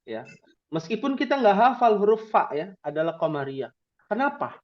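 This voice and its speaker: A man's voice: high-pitched, very animated, normal speed, muffled recording. A man teaching a Quran reading class, speaking with a light tinge and quizzing his students with playful questions. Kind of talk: interactive religious class.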